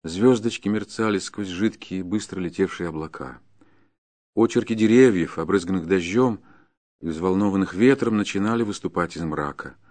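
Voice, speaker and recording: Low-voiced man narrating a classic story. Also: moderate pace, darkish tone.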